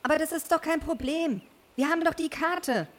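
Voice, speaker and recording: A woman playing a young princess in an audio drama, caring, gently teasing and easily alarmed. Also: sits high, normal speed, dry recording. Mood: worried.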